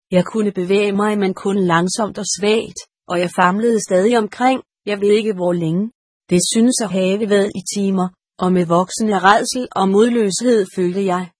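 Woman, husky breathy voice, solemn measured story reading, dry close sound. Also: medium pitch, a little mellow, no echo. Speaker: audiobook reader. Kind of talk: scripted first-person story narration.

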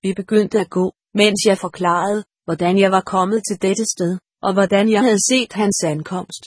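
A woman reading an audiobook in a calm, measured storytelling manner, close to the mic. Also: mid-range voice, breathy edge, no echo. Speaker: audiobook narrator. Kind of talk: scripted narration.

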